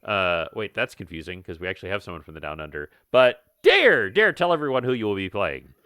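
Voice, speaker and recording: A man's voice: on the low side, sing-song, brisk, pushed and bright, clear, resonant tone, no echo, studio quality. A middle-aged man hosting a tabletop game podcast, joking and announcing theatrically as dungeon master. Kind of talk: playful show introduction and banter.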